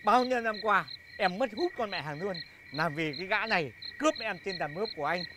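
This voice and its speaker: An actor playing a melodramatic, half-mad young man who wails and exclaims loudly in a slapstick comedy film. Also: lively intonation, brisk, noisy background. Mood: indignant. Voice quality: high, wailing and exaggerated. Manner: loud exclamations and theatrical laments. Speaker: lovesick half-mad son. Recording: background music under dialogue.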